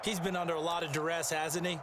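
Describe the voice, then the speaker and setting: A man's voice: fairly high pitch, level tone, fast, background noise, natural voice. An actor playing a football color commentator in a video game broadcast, a man with an American accent who explains things conversationally. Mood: conversational, analytical. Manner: conversational, explanatory, with tag questions. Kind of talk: sports analysis commentary.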